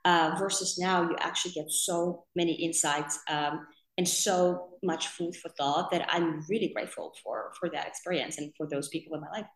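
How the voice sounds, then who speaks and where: A woman's voice: on the low side, steady tone, moderate pace. A woman from Finland, co-founder of a podcast company, chatting in an interview with a rambling, filler-heavy manner. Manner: chatty, rambling, full of "you know" fillers. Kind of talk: casual interview talk. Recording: roomy echo.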